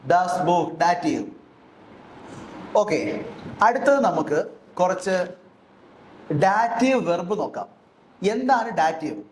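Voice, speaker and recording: Guy teaching a language class, high voice, quizzes himself as he goes, roomy echo. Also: big pitch swings. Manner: asks questions and answers them himself, slowly and deliberately. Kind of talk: explanatory lesson. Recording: echoey room with faint background noise.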